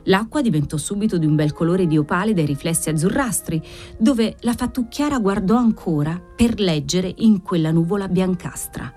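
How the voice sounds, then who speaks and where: A woman reading a literary novel aloud in a measured, expressive storytelling manner. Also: fairly low pitch, faint music behind. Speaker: audiobook reader. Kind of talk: literary narration.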